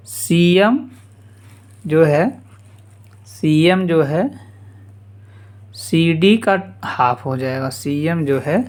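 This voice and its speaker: A man teaching a geometry lesson informally, repeating steps slowly and dropping casual asides. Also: on the high side. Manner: slow, repetitive explaining with casual asides. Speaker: math teacher.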